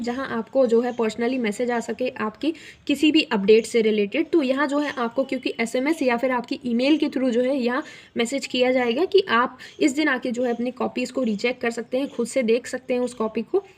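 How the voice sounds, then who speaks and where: Young woman explaining college procedures. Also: fairly high pitch. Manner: conversational, many fillers, mixes English words into Hindi. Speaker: student guidance youtuber. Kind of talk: explainer video.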